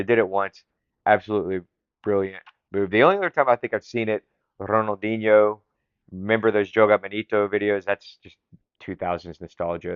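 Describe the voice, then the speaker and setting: A man talks on his own podcast in a low, smooth, resonant voice, eager and rambling, with fillers and false starts. The sound is dry and a little dull, with no room echo. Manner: enthusiastic, rambling, frequent fillers and restarts. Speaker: podcast host. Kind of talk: casual solo podcast monologue.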